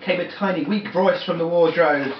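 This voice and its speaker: A woman with a fairly low voice narrates a children's story as an amateur puppet-show narrator, at a moderate pace and sometimes stumbling over words. The mic is distant, and the home-video recording sounds dull, noisy and echoey from afar.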